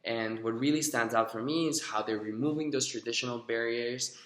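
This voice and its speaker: A man's voice: medium pitch, brisk, a bit bright, echoey room. A young man from Rica, giving earnest, rehearsed answers in a recorded video interview, with a few fillers. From Costa Rica. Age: young adult. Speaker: job applicant. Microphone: recorded himself on video.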